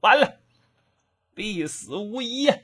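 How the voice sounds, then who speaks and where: Guy doing a scared dude wailing why me, high and husky. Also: animated, slow pace, a bit bright, full character voice. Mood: panicked. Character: terrified man fleeing a ghost, panicky.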